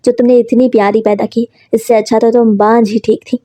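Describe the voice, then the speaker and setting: A woman's voice: fairly high pitch, flat delivery, a little fast, dark tone, dry recording, close to an everyday voice. A woman reading the lines of a cold, cruel older stepmother in a spoken story, speaking with bitter scorn. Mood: scornful.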